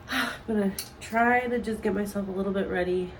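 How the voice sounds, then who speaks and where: A tired young woman, a new mother with a cold, talking candidly and softly in a casual home vlog. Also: mid-range voice, normal speed, a little hiss or hum. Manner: tired, candid, soft-spoken. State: stuffy from a cold. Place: home, indoors.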